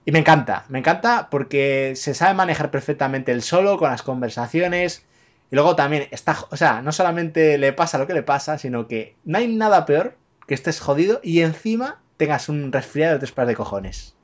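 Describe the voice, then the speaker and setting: A man's voice: a little high, expressive, moderate pace. A man from chatting casually about films on a podcast, rambling with fillers and tag questions and swearing freely. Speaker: podcast co-host. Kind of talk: casual film chat.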